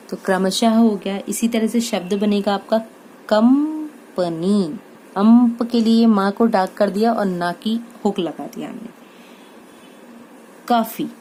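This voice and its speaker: A woman with an Indian accent teaching shorthand step by step, spelling out each word sound by sound and pausing often to check understanding. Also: mid-range voice, dark tone, a little hiss or hum, poor audio. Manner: slow and deliberate, spelling out words sound by sound, frequent "ठीक है" checks. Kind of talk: step-by-step tutorial.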